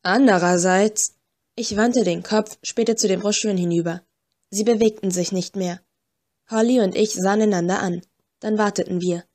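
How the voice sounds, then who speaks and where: A woman reading a first-person audiobook story in a measured, tense storytelling manner. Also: medium pitch, a little mellow. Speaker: audiobook narrator. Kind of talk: first-person scripted narration.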